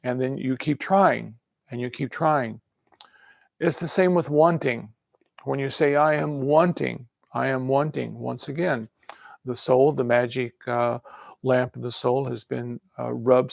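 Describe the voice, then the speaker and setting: A man giving a calm livestream meditation talk as a spiritual teacher, repeating affirming phrases. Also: medium pitch, a little slow, gravelly, no echo, clean studio sound.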